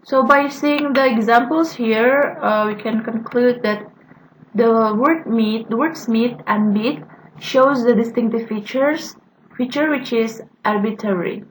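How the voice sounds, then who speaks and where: Halting young woman giving a class talk. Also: a little high, a little hiss or hum, poor audio. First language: Indonesian. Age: young adult. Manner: halting, with frequent "uh" fillers and restarts. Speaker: student presenter. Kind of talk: class presentation on phonetics.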